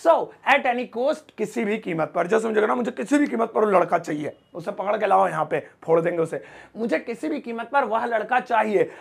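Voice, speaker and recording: A man's voice: sits high, expressive, normal speed, gravelly, husky. A man teaching English words in a playful, chatty lesson, joking and acting out everyday example sentences. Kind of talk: playful Hindi vocabulary lesson.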